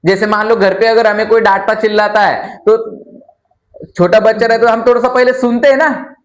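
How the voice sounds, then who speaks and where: A man with a high voice teaches a room full of students. He talks in a chatty, familiar way and keeps quizzing the class so they finish his points. The classroom is bare and echoey. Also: steady tone, normal speed. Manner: chatty, calls listeners "yaar". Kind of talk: classroom lecture.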